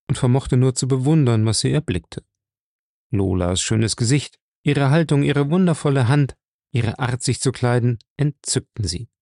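A man narrating an audiobook in a measured, even storytelling manner, recorded close to the mic. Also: mid-range voice, no echo.

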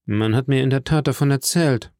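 A man's voice: medium pitch, a little fast, a little mellow, no echo, clean studio sound, lightly acted. A man voicing an earnest, troubled young man who pleads with his friend.

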